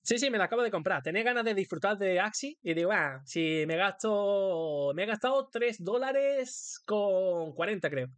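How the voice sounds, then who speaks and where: A man's voice: high voice, animated, normal speed, a bit bright, no room sound. Playful Spanish man streaming a game. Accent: Spain Spanish. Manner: playful, singsong, crude banter. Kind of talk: live gaming commentary.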